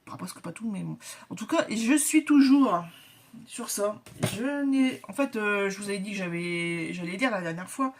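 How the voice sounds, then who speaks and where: A woman's voice: medium pitch, expressive, normal speed. A woman from northern France chatting casually through an unboxing vlog, with many hesitations and the product names whispered. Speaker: vlogger.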